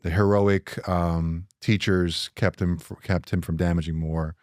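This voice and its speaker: A middle-aged Nigerian man co-hosts a casual podcast, telling personal stories in an animated way with many restarts, his voice jumping up playfully when he jokes. His voice sits low and he speaks a little slowly. The sound is clean studio quality with no echo.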